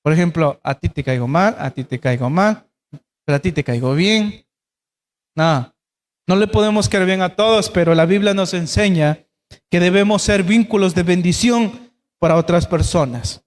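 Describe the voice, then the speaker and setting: A man's voice: high-pitched, moderate pace, in a large hall. A man preaching a sermon as pastor, asking his congregation rhetorical questions. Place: church.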